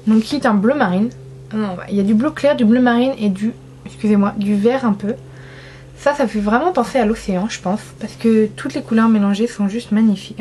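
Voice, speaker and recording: A fairly high-voiced young woman from France talks through her makeup swatches in a loose, chatty way, gushing over colors and poking fun at herself. Faint room ambience hums behind her. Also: a little mellow, slight background noise. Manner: chatty, enthusiastic, self-mocking with frequent laughs. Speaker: beauty vlogger. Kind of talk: casual makeup swatch review.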